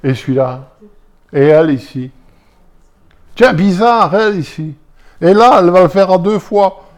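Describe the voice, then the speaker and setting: His voice sits high and sounds expressive and slightly mellow, the delivery a little slow. This Belgian French-accented pastor confronts his congregation with a stream of emphatic rhetorical questions.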